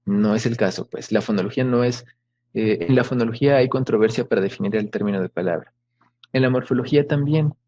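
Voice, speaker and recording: A man's voice: mid-range voice, fast, warm tone, muffled recording. A man giving an academic lecture over a video call, explaining patiently with many fillers and rhetorical questions. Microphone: video call microphone.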